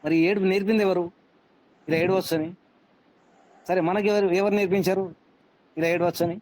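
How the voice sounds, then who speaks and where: A man's voice: high voice, steady tone, a little fast, darkish tone, slight background noise. A man teaching a scripture class, quizzing his students and repeating his points for emphasis. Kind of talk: interactive class lecture.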